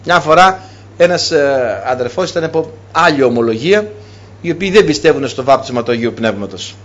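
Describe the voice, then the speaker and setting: A man's voice: mid-range voice, lively intonation, fairly bright tone, muffled recording. A man preaching a sermon to his congregation, emphatic and repeating key phrases for weight.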